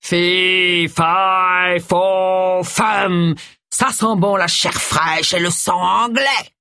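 A woman's voice: lowish voice, steady tone, sharp tone, exaggerated voice. A woman doing a roaring pantomime ogre. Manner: roaring, slow and menacing. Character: roaring burly male ogre in a village pantomime.

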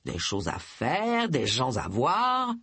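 A reader voicing Charles, a suave man who speaks in a honeyed, unhurried tone. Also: medium pitch, wildly swooping pitch, slightly rough, no room sound, pitched below the performer's own voice, full character voice. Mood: sly. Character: suave man, smooth and sly.

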